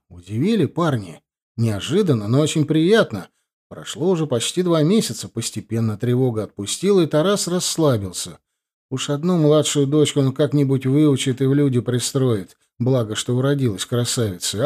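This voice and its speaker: Guy reading a story out loud, steady, normal pitch. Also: slightly rough. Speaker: audiobook narrator. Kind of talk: scripted narration.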